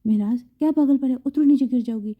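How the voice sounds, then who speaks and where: A woman reading out a volatile young gang boss in an audio novel, possessive and quick to snap into harsh threats. The voice sits fairly high and comes through a muffled, lo-fi recording. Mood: pleading. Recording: slightly dull lo-fi recording.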